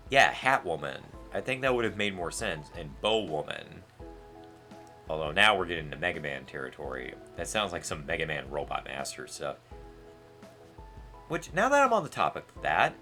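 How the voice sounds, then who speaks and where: A bright-toned man rambles through casual let's play commentary, his lower voice swinging widely in pitch as he jumps between thoughts. He tosses in sarcastic asides, and faint game music plays under him.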